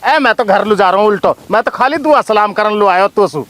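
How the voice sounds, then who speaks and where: A man's voice: high voice, brisk, a bit bright, soft background music. A man playing a lecherous old village man, whiny and teasing in a village comedy skit. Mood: cheeky grumbling. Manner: teasing, whiny and self-pitying. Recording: faint background noise.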